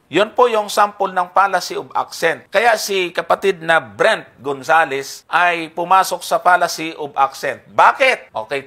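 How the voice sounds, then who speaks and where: A man's voice: sits high, bright, forceful tone. A man teaching a Bible study, explaining a passage earnestly and speaking to his listeners as brothers and sisters. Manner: earnest, explanatory, reads verses aloud with heavy emphasis; addresses listeners as brothers and sisters, polite particles.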